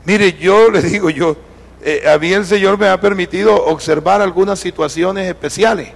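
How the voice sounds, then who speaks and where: A man's voice: high-pitched, normal speed, gravelly. A man preaching a sermon as pastor, telling a story and acting out the people in it. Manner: storytelling, acting out quoted voices. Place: church.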